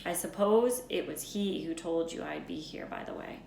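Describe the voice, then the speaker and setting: A woman voicing a calm, wise, modest old male wizard from a storybook, in a measured, serious, firm manner. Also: sits low, gravelly, echoey room, a little hiss or hum, full character voice.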